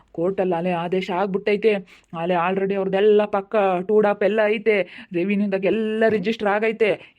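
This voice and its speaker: A woman's voice: medium pitch, a little mellow, lightly acted. A woman, acting a grieving middle-aged farm woman who keeps lamenting her lost land in a village family drama. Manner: lamenting, repetitive pleading speech.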